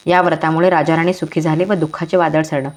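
Woman, devotional story narration, low voice, measured rhythmic phrasing. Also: flat delivery.

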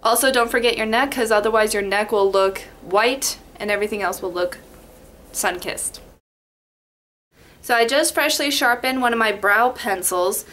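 This Las Vegas beauty vlogger, a young woman, keeps up a chatty, rambling commentary during a makeup tutorial. Her voice is on the high side, a bit bright, at normal speed, picked up by a webcam in front of her in her home bedroom.

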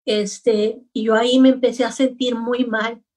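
A middle-aged woman, a grieving mother, telling her story slowly and haltingly in an interview. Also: fairly high pitch, little pitch movement, darkish tone, recorded from a distance. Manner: slow, halting, heavy with grief. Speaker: guest, bereaved mother. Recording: voice from away from the mic.

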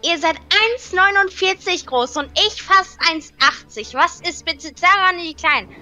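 A woman's voice: very high-pitched, a little slow, pushed and bright, muffled recording, soft background music, exaggerated voice. A woman playing a strict, mean babysitter in a Minecraft role-play, scolding and bossy.

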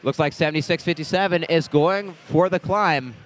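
A man announcing a robotics competition, giving steady live play-by-play of team numbers and scores at the event venue. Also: fairly high pitch, normal speed. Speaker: match announcer.

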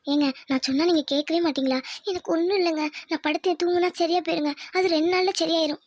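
A woman's voice: extremely high pitch, steady tone, quick pace, no room sound, studio quality. A woman voicing a young village wife in a cartoon who insists on being left alone and keeps fussing over her husband. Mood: insistent. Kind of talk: cartoon voice acting.

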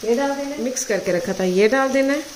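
A woman, hosting a cooking show, calmly talking through a recipe step by step. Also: high voice, quick pace, a little hiss or hum, low-quality recording. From Pakistan. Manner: calm, methodical, checks in with "ठीक है". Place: home kitchen. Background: frying and stirring sounds.

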